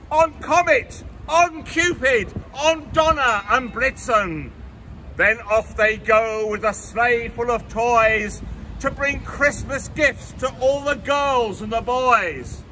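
Male town crier, 60s, forceful declaimed proclamation, unhurried delivery, outdoor street with some traffic noise. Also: very high voice. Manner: declaiming loudly and slowly in town crier manner, projecting to the street.

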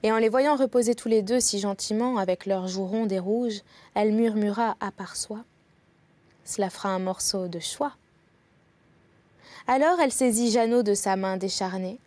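Mellow woman reading a fairy tale. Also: medium pitch, dry recording. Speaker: storyteller.

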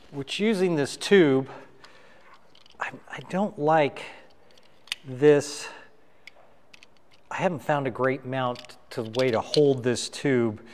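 A middle-aged man demonstrating how to assemble lighting gear at a table in a dark studio, talking as he works. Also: on the high side, big-room sound. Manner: unhurried, talks while assembling gear. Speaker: photographer reviewing gear. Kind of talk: hands-on gear demo. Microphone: wireless lapel mic.

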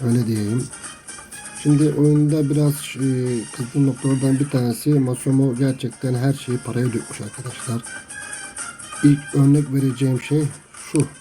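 Guy commentating his mobile game, complaining and trash-talking, mid-pitched voice, loud game music under him. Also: steady tone, moderate pace, poor audio. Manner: chatty, grumbling, trash-talks opponents. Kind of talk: gameplay commentary to viewers.

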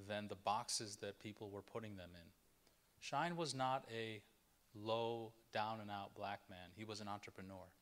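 A man's voice: on the low side, fairly bright tone. A man giving an author lecture, asking questions aloud and reflecting on the people he followed. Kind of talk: lecture with a book reading. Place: lecture hall.

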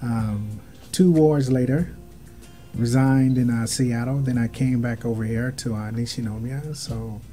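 A man's voice: medium pitch, a little slow, mellow, soft background music. A man from Alabama, a producer guest on a radio talk show, hesitant with many ums. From Birmingham, Alabama, United States. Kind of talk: casual talk show self-introduction. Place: small radio studio. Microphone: studio mic with headphones.

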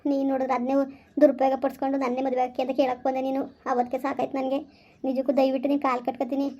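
A woman playing a frightened married village woman in a family skit, pleading desperately and talking fast. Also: high-pitched, monotone, dark tone.

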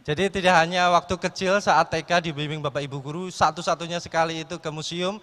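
A man works as MC at a live stage event. His voice is fairly high and comes through with a long hall echo. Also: steady tone, fast talker, a bit bright. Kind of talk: stage hosting. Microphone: handheld microphone.

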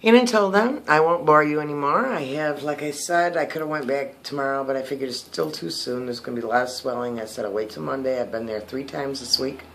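A man talking casually in a home vlog while speaking with new dentures, his swollen mouth slurring his words a little, chatty and quick to laugh at himself. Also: mid-range voice, creaky, fairly bright tone, a little hiss or hum, rough recording. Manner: chatty, self-mocking, laughs often. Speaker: vlogger.

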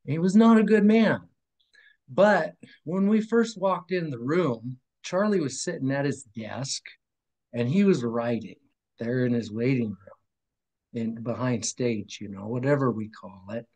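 Speaking over a video call webcam from home, where a framed picture hangs on the wall, a man in his fifties shares a heartfelt personal testimony as a podcast guest. His mid-range, darkish voice is animated yet measured in pace, and his earnest, rambling account has restarts and abrupt dips in volume.

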